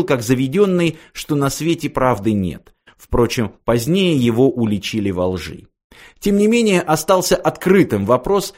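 A man reads an audiobook aloud in measured, scripted narration. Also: mid-range voice, darkish tone.

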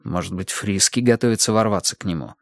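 Male audiobook narrator, measured, close dry mic. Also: lowish voice, gravelly, no echo. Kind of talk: scripted narration.

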